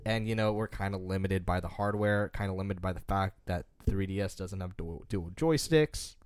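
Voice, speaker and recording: A man's voice: sits low, normal speed, a little mellow, clean tone, no room sound, clean studio sound. A man co-hosting a gaming podcast, chatting casually with frequent restarts and offhand swearing. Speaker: podcast co-host. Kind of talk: casual chat.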